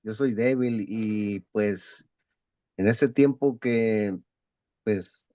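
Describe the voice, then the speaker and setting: A man, a church member, giving a short personal testimony in a humble, halting way. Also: lowish voice, mellow, no echo, dull audio.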